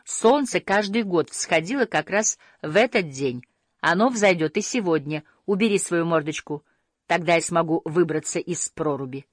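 A woman voicing a calm, practical ice-fishing woman, speaking unhurried and matter-of-fact in a storybook reading. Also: lowish voice, no echo, clean studio sound.

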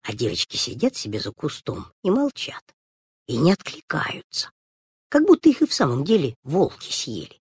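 Expressive woman storybook reader, lively intonation. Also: low-pitched, moderate pace, slightly rough, dry recording, clean studio sound. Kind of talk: children's storybook reading.

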